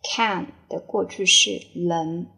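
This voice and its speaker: Slow gravelly woman drilling vocabulary. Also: on the low side, steady tone, sharp tone. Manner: repeats each English word three times, then gives Chinese meaning. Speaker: English vocabulary teacher. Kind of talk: slow word-by-word spelling and dictation drill.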